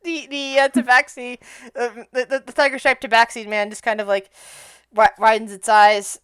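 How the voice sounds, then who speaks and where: A woman game master narrating an improvised tabletop story in a halting way, repeating words as she goes. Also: on the high side, flat delivery, a bit bright, clear, resonant tone, dry recording.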